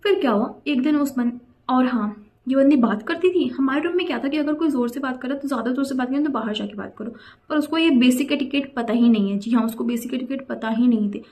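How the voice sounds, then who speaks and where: Chatty high-voiced young woman telling a story. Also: fast, darkish tone. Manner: chatty, indignant, mixes in English phrases. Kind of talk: casual storytime vlog.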